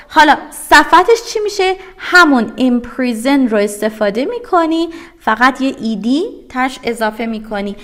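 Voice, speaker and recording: A woman teaching English vocabulary in a recorded online lesson. She explains step by step, asks questions and answers them herself, and says each English word slowly and clearly with a Persian accent. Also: on the high side, fairly bright tone. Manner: drills English words, slowly and clearly spoken.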